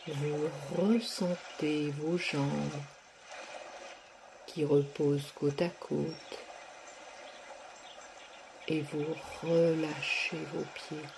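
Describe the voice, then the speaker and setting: A woman with a low voice guides a relaxation session at a very slow, unhurried pace. Her words come soft and stretched, with long pauses between phrases. A steady background noise sits under the recording. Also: vocal fry. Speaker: sophrology guide.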